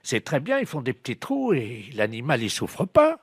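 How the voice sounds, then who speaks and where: A man playing a nonchalant middle-aged angler in a phone prank, casual and deadpan. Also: mid-range voice, moderate pace, husky, dry recording, clean studio sound, pitched above the performer's own voice, exaggerated voice. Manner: casual, unbothered, deadpan absurd.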